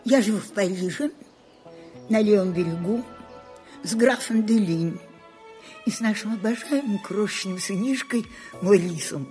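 A woman's voice: medium pitch, moderate pace, long pauses, darkish tone, soft background music, natural voice. An actress playing an imperious, forgetful elderly grande dame who commands and coaxes her secretary in a dubbed film drama. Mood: coaxing. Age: older. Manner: commanding, then coaxing and pleading. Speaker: aging grande dame dictating her memoirs.

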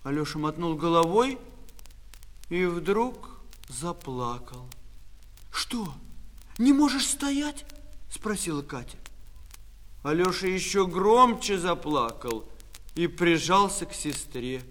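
A man reading a children's story aloud with expressive storytelling. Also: a little high, slow, big-room sound. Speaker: narrator.

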